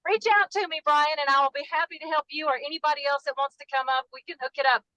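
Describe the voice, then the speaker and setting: Bright high Texan woman calling from her car. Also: fairly even intonation, racing, poor audio. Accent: Texan (Dallas). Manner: effusive, chatty, apologetic. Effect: calling in by phone while driving a car. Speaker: caller, notary. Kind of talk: casual chat on a video call.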